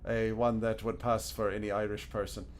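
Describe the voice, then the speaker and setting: Speaking at normal speed in a level tone, a low-ish male voice with a New Zealand accent offers laid-back commentary as he plays a video game, chuckling frequently. He's a gaming streamer, and there's slight background noise.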